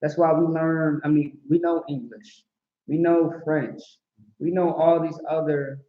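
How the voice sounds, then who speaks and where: A man instructs a scripture class, emphatic and repetitive, frequently asking "see what I'm saying" to make sure listeners follow. His voice is fairly high, with fairly even intonation and a measured pace. The recording is roomy and dull.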